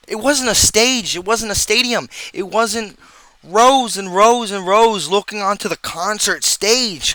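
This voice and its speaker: A man's voice: high-pitched, pushed and bright, no room sound, rough recording. A man reading a list aloud and breaking off into sarcastic, rambling commentary. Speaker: video creator commenting on church.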